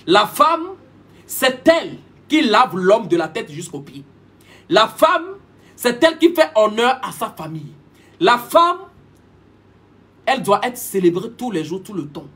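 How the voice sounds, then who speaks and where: A man's voice: high-pitched, very animated, measured pace, long pauses, pushed and bright, husky. A man giving a preachy, repetitive live-stream monologue, switching languages mid-sentence. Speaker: livestream host.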